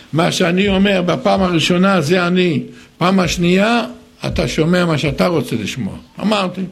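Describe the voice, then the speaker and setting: An older man giving an animated sermon, acting out other people's words in raised voices. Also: high voice, vocal fry.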